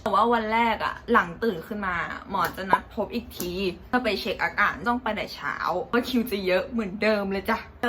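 A young woman vlogger telling a casual, animated story about her own experience, chatty and loose with slang. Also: fairly high pitch. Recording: loud background noise.

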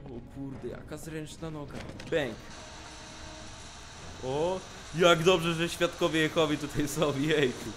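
A young man casually commenting on a video game as he plays, cracking jokes, swearing often and shouting at the screen when things get tense. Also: a little high, slow pace, over music. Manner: jokey, swears a lot, yells at the screen in tense moments. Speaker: let's play gamer. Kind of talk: casual let's play commentary.

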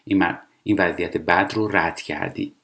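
A man teaching English, explaining TV dialogue line by line and reading English phrases slowly and carefully. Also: deep voice, fairly even intonation, creaky, a bit bright. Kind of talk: language lesson explaining TV dialogue.

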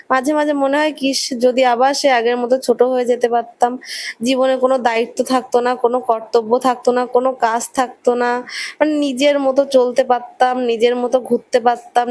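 A woman's voice: on the high side, no room sound. A young woman with a Bengali accent, a village vlogger, chatting to viewers in a rambling voice-over while she narrates her chores, tired and unwell. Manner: warm, rambling, addresses viewers directly.

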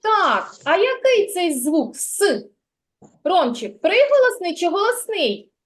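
A woman kindergarten teacher giving a literacy lesson, sounding out letters slowly and clearly for small children in a classroom. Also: extremely high pitch, very animated. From Ukraine.

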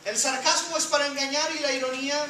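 A woman's voice: high-pitched, fairly even intonation, quick pace, sharp tone, slight background noise. A woman teacher lecturing a class and quizzing students, often asking "right?". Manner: questioning, switches into English, reads aloud. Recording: echoey classroom from far off.

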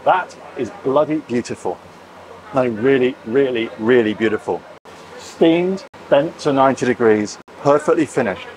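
Touring a boat under construction and a large boatyard shed on camera, a vlog host in his forties talks with animated enthusiasm and emphasis, repeating phrases into his clip-on lapel mic. His voice is medium-pitched, a little mellow and at normal speed, and the poor audio has a little hiss or hum.

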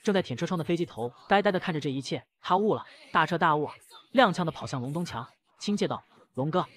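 A man narrating a dramatic comic recap with rapid, punchy storytelling. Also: a little high, lively intonation, fairly bright tone.

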